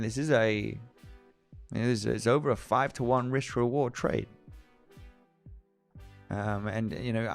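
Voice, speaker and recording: Guy hosting a trading stream, rambles and restarts a lot, smooth resonant voice. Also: mid-range voice. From Spain. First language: Spanish. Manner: rambling, frequent restarts, reads viewer comments aloud. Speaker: trading livestream host. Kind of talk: casual livestream chat.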